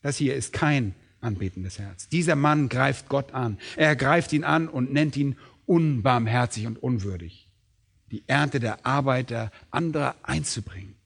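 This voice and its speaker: A man's voice: mid-range voice, a little slow, vocal fry. A man preaching an expository sermon in an emphatic, rhetorical way.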